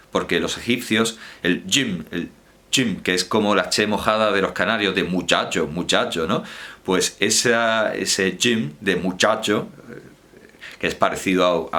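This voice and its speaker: Bright-voiced Spanish man lecturing. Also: deep voice. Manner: digressive, with restarts and rhetorical questions. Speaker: university lecturer. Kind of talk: university lecture.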